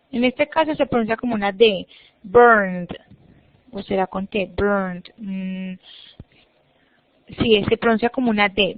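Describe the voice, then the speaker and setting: A woman teaching an English class online, explaining patiently and repeating words slowly. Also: a little high, dry recording. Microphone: video call. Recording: muffled online call audio.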